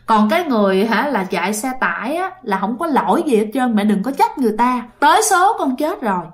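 Woman doing a young man's ghost, Southern Vietnamese accent, soft, pleading, consoling, fairly high voice. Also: big pitch swings, brisk.

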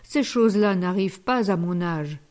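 A woman's voice: medium pitch, animated, moderate pace, a little mellow, close to an everyday voice. Woman reading as a timid old schoolmaster. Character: shy, sentimental old male school supervisor.

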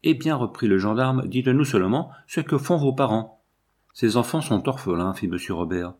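A man's voice: medium pitch, expressive, normal speed, a little mellow, lightly acted. A man reading aloud and voicing a grave, officious country gendarme who questions children. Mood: stern. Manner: grave, interrogating.

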